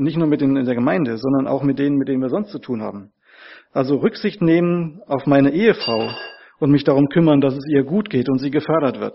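A man delivers a sermon in a husky, slightly high voice, driving his point home by repeating phrases. The recording is dull and lo-fi, as if taped in a church hall. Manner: earnest, repeats key phrases for emphasis. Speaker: preacher.

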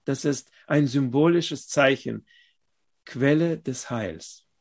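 Slow, halting male preacher. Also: mid-range voice, creaky. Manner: slow, halting delivery with pauses, rising loud when reading scripture aloud. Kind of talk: sermon.

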